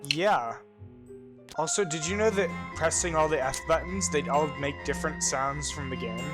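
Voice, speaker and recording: A man's voice: a little high, moderate pace. A man casually chatting while playing a game and thinking aloud as he goes. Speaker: co-host of a game playthrough. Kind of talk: casual let's play chat. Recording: music playing underneath.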